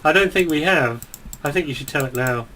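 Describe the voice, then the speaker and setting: A man's voice: a little high, brisk, sharp tone, slight background noise. A young man from England co-hosting a gaming video, talking in dry, teasing banter. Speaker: let's play co-host. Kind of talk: casual gaming chat.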